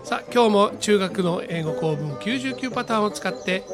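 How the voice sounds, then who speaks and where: High-voiced man teaching pronunciation. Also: lively intonation, over music. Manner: patient, repeats model phrases slowly, frequent fillers. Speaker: radio English teacher. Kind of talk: pronunciation lesson with repeated drill phrases.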